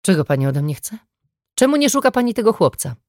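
A woman reading the part of a bitter grieving mother in an audiobook, speaking in a sharp, accusing way. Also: low-pitched, moderate pace, breathy edge, no echo, studio quality.

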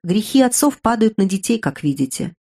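A woman voicing a ruined young man in an audiobook, speaking in a measured, grave and resigned way. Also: medium pitch, big pitch swings, darkish tone, breathy edge. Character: young man, earnest, bitter, ruined suitor.

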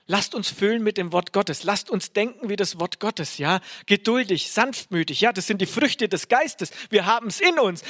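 A male preacher giving a casual, conversational sermon, often checking in with "ja?" and pausing on hesitations. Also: high-pitched, a bit bright. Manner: conversational, frequent "ja?" tag questions and hesitations.

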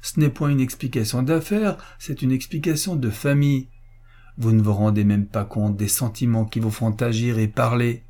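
A man's voice: mid-range voice, moderate pace, dark tone, natural voice. A man voicing an indignant old father, proud and hurt, in a storybook reading, with bitter, reproachful speeches.

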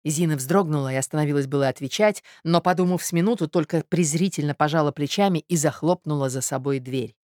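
A woman narrating a classic novel aloud in a measured, expressive way. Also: low-pitched, no echo, studio quality. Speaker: audiobook narrator. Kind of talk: literary audiobook narration.

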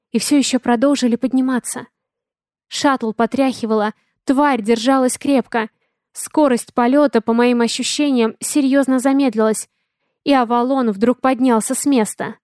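A woman with a fairly high voice narrating a first-person audiobook. She reads expressively and makes the drama of the story come through. The recording is close and dry, with no room sound. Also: a little mellow, no room sound.

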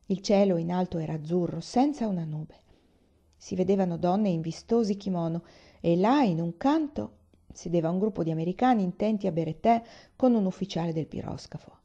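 Woman reading a novel aloud, calm and expressive, mellow voice, bit muffled. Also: fairly low pitch. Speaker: audiobook reader. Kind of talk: literary audiobook narration.

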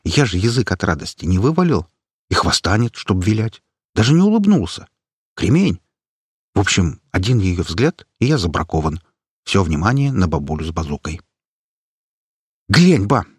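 A man reads a first-person audiobook with wry irony. His voice is low and a bit husky, but the pitch moves a lot. The recording is close and dry. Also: very animated, moderate pace, no echo. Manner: wry, ironic storytelling. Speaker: audiobook narrator.

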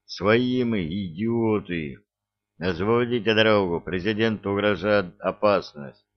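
A man voicing a hot-tempered male sergeant who shouts and curses in the middle of a firefight, in a low voice on a dull, lo-fi recording. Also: unhurried, natural voice. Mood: shouting. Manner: shouting, cursing.

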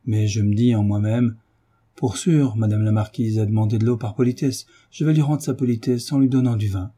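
A man's voice: fairly low pitch, steady tone, fairly quick, warm tone, husky. A man doing a chatty country maid. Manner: garrulous, rustic, breathless storytelling.

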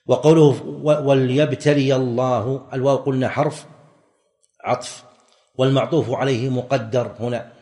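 A man teaching a religious lesson, explaining verses in a measured way and repeating his points. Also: medium pitch, darkish tone. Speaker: Islamic scholar teaching. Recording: recorded lecture with long hall reverb.

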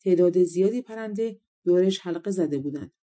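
A woman narrating a fairy tale audiobook, reading calmly and voicing each character in turn. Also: fairly low pitch. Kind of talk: storybook narration.

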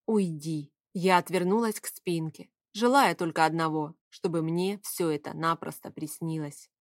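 A woman's voice: sits low, normal speed, dry recording. A woman narrating a first-person novel in an audiobook, reading with emotional expression at a close mic.

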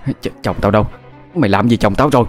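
A man's voice: fairly low pitch, quick pace, faint music behind, lightly acted. A man voicing a terrified older wife who stammers.

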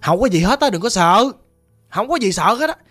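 A woman with a Southern Vietnamese accent voicing an older aunt who quietly soothes a frightened child in a soft, low, hushed voice. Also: lively intonation, a little fast, dry recording, clean studio sound, faint music behind. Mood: soothing.

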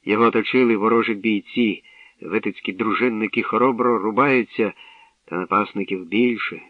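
Man narrating a novel, low voice, steady, tinny phone-like radio sound, far from mic. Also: fairly quick, no room sound. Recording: tinny lo-fi radio recording, distant.

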